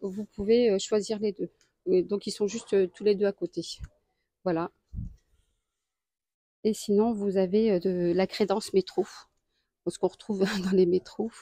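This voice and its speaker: A woman, a deal-hunting vlogger, walks through a store aisle and lists prices and sizes. She speaks in a chatty way and pauses often. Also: mid-range voice, fairly even intonation, warm tone, no echo. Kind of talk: casual store walkthrough. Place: home improvement store aisle.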